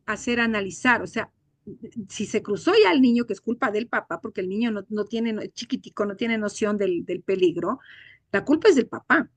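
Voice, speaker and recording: A woman's voice: on the high side, dry recording. A woman teacher, giving an online class from home and telling a story in an earnest, indignant way.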